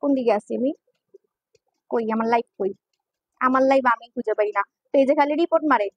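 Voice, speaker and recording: This is a woman, hosting a livestream for her skincare shop. She talks fast, playful and teasing, and speaks straight to her viewers. The sound is close and dry from a clip-on mic. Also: sits high, darkish tone, no room sound, dull audio. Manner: playful, teasing, chatty, addresses viewers directly. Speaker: online skincare shop owner selling on a livestream. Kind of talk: casual livestream sales talk.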